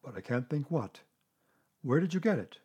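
Man as a humble, dreamy, husky little bear. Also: medium pitch, very animated, moderate pace, mellow. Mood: solemn. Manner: humble, dreamy, simple and earnest. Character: humble, slow-witted, gentle, dreamy male bear. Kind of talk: children's storybook character voice.

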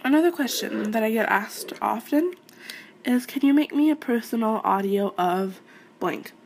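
This audio creator, a young adult from Quebec in her late teens whose first language is French, answers listener questions in a casual, hesitant, giggly ramble. She has a fairly high, gravelly, slightly mellow voice with lively intonation at a moderate pace. The audio is poor, with a little hiss or hum.

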